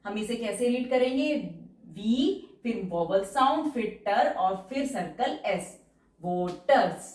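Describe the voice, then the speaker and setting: A woman teaching shorthand in a patient, step-by-step way, repeating each example word slowly. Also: mid-range voice, animated, a little mellow, distant mic. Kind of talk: step-by-step tutorial explanation. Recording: roomy echo, voice from off-mic.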